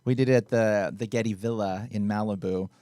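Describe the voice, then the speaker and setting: A man hosting a podcast, telling stories in casual chat, animated and laughing often. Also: fairly low pitch, a little fast, dry recording, studio quality. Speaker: podcast host.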